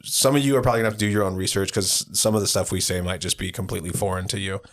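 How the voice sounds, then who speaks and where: A man's voice: deep voice, fairly even intonation, very fast. A man hosting a podcast, casually explaining business basics in a rambling way with frequent restarts. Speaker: podcast host.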